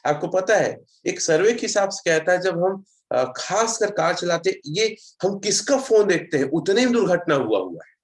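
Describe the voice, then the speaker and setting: A man's voice: high-pitched, big pitch swings, normal speed. A man giving a casual online session on road safety, telling stories and reading out viewer comments. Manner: chatty storyteller, reads out viewer comments.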